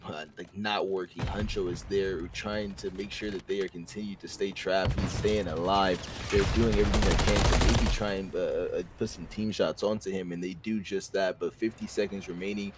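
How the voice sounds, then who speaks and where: A man's voice: deep voice, fairly even intonation, very noisy. A young man giving esports color commentary who often stumbles and restarts his sentences. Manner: halting, with many fillers and restarts. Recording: loud game gunfire in the background.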